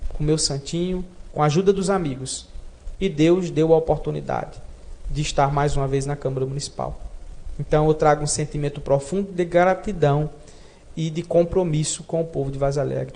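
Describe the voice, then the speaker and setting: A man's voice: fairly high pitch, darkish tone. A man from Brazil in his thirties, a re-elected city councilman answering an interview in an earnest, heartfelt way, repeating phrases for emphasis.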